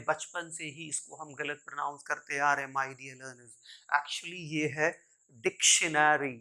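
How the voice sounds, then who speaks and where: Slow, bright-voiced teacher. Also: male voice, a little high, smooth. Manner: spells words letter by letter, then repeats the right pronunciation; mixes Hindi and English, often saying "my dear learners". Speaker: English teacher. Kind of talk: pronunciation lesson.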